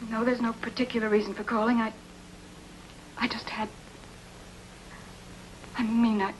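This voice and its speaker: A woman's voice: a little high, slight background noise, natural voice, poor audio. An actress playing a lonely, desperate woman who pleads with her ex on the phone, stammering and crying in 1950s TV drama style. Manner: halting, stammering, tearful pleading. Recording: old TV soundtrack with music score. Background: dramatic music score.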